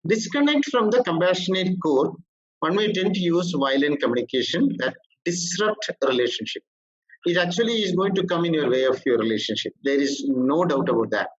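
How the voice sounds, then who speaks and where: A male corporate trainer lecturing a workshop group, explaining in a halting way with frequent restarts. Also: fairly high pitch, animated, breathy edge, dull audio.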